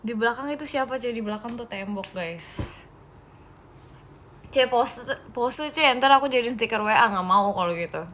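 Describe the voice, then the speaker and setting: A woman's voice: on the high side, normal speed, a bit bright, slight background noise. A young woman chatting playfully and teasing her viewers as she reads live-stream comments aloud. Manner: playful, giggly, teasing, addresses viewers as "guys". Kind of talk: casual live-stream chat reading comments.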